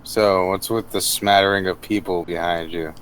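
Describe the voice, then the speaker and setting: A man's voice: low-pitched, fairly even intonation, normal speed, a bit bright, a little hiss or hum. A man playing a tabletop game, speaking his character's lines in a dry, sarcastic drawl. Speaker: player.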